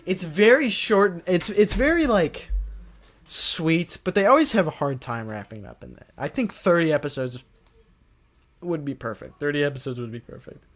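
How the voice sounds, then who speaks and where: A man's voice: on the high side, lively intonation, moderate pace, fairly bright tone. A man hosting a live stream, chatting casually and straight to his viewers, rambling and often correcting himself mid-sentence. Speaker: livestream host.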